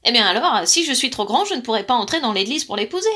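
A woman's voice: fairly high pitch, big pitch swings, quick pace, bright, forceful tone, full character voice. A woman voicing a desperate male giant in a storybook tale, pleading in a raised voice.

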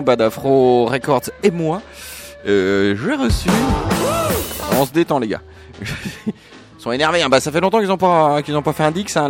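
Chatty joking male radio host. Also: medium pitch. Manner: chatty and joking, with many hesitant fillers. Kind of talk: casual radio presenting. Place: radio studio.

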